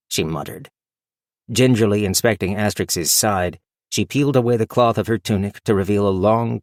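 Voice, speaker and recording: A man reading a fantasy audiobook as narrator in a steady, measured storytelling manner. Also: on the low side, dry recording, studio quality. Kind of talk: scripted narration.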